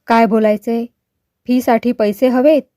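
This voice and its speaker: A woman reading the lines of a stern, hot-tempered older father in a storybook, gruff and scolding. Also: a little high, steady tone, unhurried, no room sound, studio quality, close to an everyday voice. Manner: gruff, scolding, shouting in anger.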